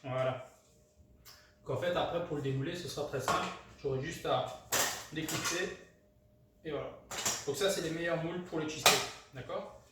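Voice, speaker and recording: Speaking at a moderate pace and pausing often, this French home cook and channel host has a voice on the high side as he hesitantly works through a casual cooking tutorial, restarting and using plenty of fillers. Audio comes from a distant mic in a very echoey room with noticeable background noise.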